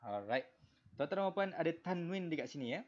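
A Malaysian man with a fairly high voice teaches Quran recitation, calmly repeating each point over and over. He drops between chatty explanation and slow, drawn-out chanting. The audio sounds dull and lo-fi. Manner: explains patiently with many repetitions and fillers, then chants verses slowly. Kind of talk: online Quran recitation lesson.

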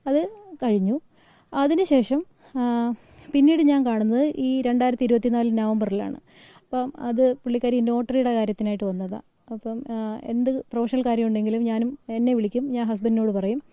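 A woman from Kerala recounting a friend's troubles to a reporter, halting often with fillers and restarts. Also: fairly high pitch, steady tone, dark tone, dry recording. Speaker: friend giving an interview.

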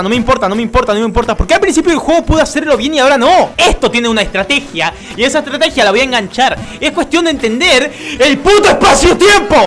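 A man commentating as he plays a video game. He gets frustrated, swears and yells at the game, and the room he records in has an echo. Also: very high voice. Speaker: YouTuber playing a video game. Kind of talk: let's-play gaming commentary.

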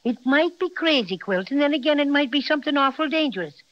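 A woman's voice: high-pitched, lively intonation, fast talker, highs cut off. A woman voicing a small, brave, boastful male stuffed cinnamon bear in a 1930s radio play, with a cheery, folksy way of talking. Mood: eager. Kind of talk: 1930s radio drama acting.

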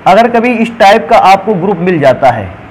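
Male chemistry teacher, high pitch, patient step-by-step board explanations, light background noise. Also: big pitch swings, normal speed, rough recording. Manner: explains step by step, calls students "beta". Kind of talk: whiteboard lesson.

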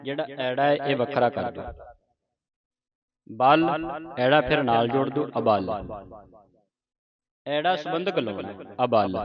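A man teaching the pronunciation of scripture, reciting lines slowly in a chant and then explaining them, addressing listeners respectfully. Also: medium pitch, highs cut off. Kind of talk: slow recitation lesson.

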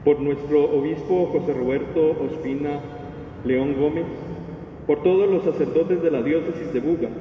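A middle-aged man reading liturgical intercessions in a solemn, measured way. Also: a little high. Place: inside a church. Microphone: lectern microphone, through face mask. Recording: reverberant church, distant mic, dull, noisy.

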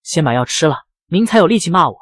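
A man's voice: on the high side, sing-song, fast, no room sound, studio quality. Shy, stubborn young bride, read by a man. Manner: shy, pouting.

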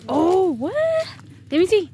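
A woman's voice: very high voice, expressive, a little slow, dark tone. A woman, speaking casually and cautiously in short warnings and orders while exploring. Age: adult, mother of the children. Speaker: mother leading an exploration. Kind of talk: casual handheld exploring vlog. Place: abandoned concrete ruins outdoors at night. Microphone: handheld phone camera. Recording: noisy outdoor handheld recording.

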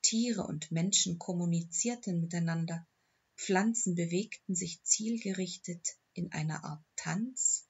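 A man narrating an audiobook story in a measured, descriptive way. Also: high voice, slightly rough, highs cut off.

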